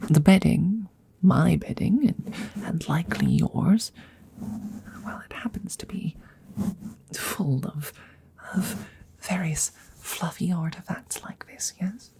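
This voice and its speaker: Voicing a gracious yet odd female dragon for an ASMR fantasy roleplay, a woman speaks in a breathy whisper, her phrasing hesitant, formal and coaxing. Her lowish voice is expressive and exaggerated, tinged with pride and wonder.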